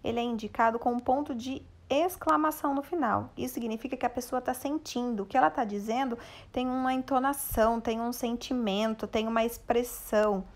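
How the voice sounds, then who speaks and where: A woman's voice: on the high side, steady tone, fairly quick, few pauses. A woman teacher with a Brazilian Portuguese accent, giving a recorded lesson for children and patiently guiding the class with questions.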